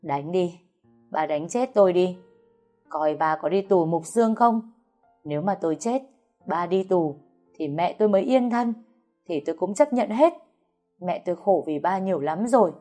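A woman's voice: medium pitch, moderate pace, darkish tone, soft background music, natural voice. A woman voicing a defiant, desperate young adult daughter in a storybook reading, speaking in raised outbursts.

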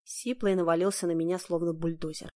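A woman's voice: lowish voice, steady tone, brisk, warm tone. A woman narrating a first-person audiobook in a dramatic, emotional reading.

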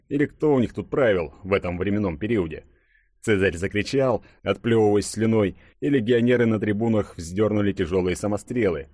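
A man reading an audiobook in a dramatic, measured storytelling manner. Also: lowish voice, warm tone, no room sound, studio quality. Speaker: audiobook narrator. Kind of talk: scripted audiobook narration.

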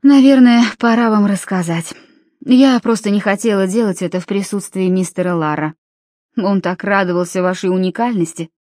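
A woman reading an audiobook, voicing a composed mother of twins who speaks in a measured, quietly strained way. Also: medium pitch, dry recording, studio quality, natural voice. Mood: confiding. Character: tense, composed mother of twins, forcing calm.

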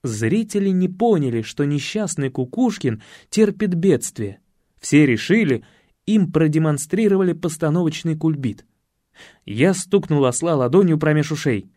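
A man narrating an audiobook with lively, expressive storytelling. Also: a little high, normal speed, dry recording, studio quality.

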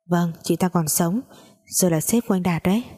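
A woman's voice: fairly low pitch, normal speed, close to an everyday voice. Woman reads a bitter, jealous young wife; storybook. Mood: weary. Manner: shouting, bitter.

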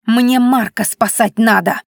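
A woman voicing an impatient, indignant young heroine on a quest, loud, insistent and exasperated, read as an audiobook. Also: a little high, fairly even intonation, a little slow, creaky, no echo, studio quality. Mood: stubborn. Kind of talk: audiobook reading.

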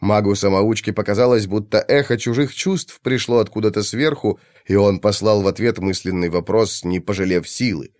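A man narrating a fantasy audiobook in a measured, dramatic reading. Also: fairly low pitch, darkish tone, no room sound, studio quality.

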